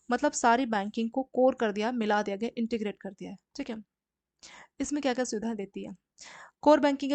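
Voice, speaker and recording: In a darkish, somewhat high voice recorded dry, a young woman leads a conversational banking-exam tutoring session. She covers HR and banking concepts and frequently uses filler checks with her listeners.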